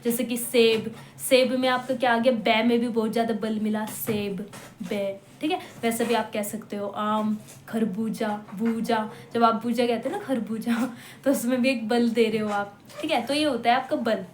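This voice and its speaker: A woman's voice: a little high, fairly even intonation. Woman teacher in an echoey room. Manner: explains patiently, repeats example words slowly, checks in with listeners. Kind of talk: classroom-style lecture. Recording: echoey room with faint hum.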